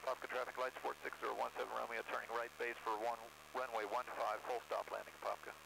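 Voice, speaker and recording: A man's voice: mid-range voice, little pitch movement, quick pace, creaky. A male pilot making clipped, formal traffic calls over an aircraft radio. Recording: noisy aircraft radio with engine hum.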